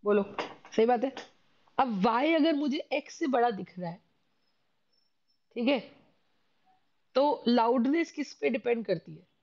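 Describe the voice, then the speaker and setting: A woman's voice: fairly high pitch, expressive, unhurried, pauses often, darkish tone. Hindi-speaking woman teaching chemistry, lo-fi. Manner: explains step by step, often repeats questions. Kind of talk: classroom lecture.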